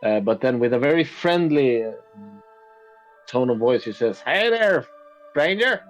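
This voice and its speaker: Swedish man narrating his character, halting. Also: mid-range voice, a little mellow, dull audio, soft background music. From Sweden. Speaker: player. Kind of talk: tabletop game chat.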